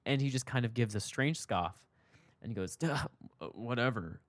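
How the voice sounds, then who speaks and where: A young man hosting a podcast, telling a personal story in a candid, reflective way, his voice jumping up for emphasis and dropping low for asides. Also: normal speed, no echo. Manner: reflective, candid, swings between loud emphasis and soft asides. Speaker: podcast host.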